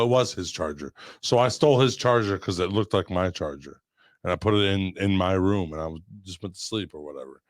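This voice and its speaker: Animated, foul-mouthed man telling stories. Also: low voice. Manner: animated storyteller, swearing, loud yelps when acting out scares. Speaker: podcast host. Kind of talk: casual podcast chat.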